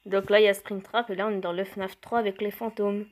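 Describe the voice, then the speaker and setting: Speaking fast in a mid-range, level voice, a young gaming YouTuber plays and comments casually. She's playful, chatting with the game characters and breaking into laughs and squeals.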